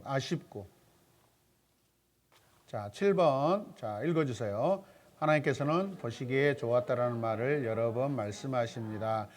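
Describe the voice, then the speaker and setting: A pastor leads an interactive church Bible study seminar, asking his listeners questions and repeating their answers back to them. His voice is medium-pitched and a little mellow.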